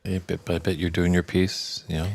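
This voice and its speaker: A man commentating on a snooker match in a measured, analytical way and interviewing his co-commentator. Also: low-pitched, little pitch movement, gravelly, darkish tone.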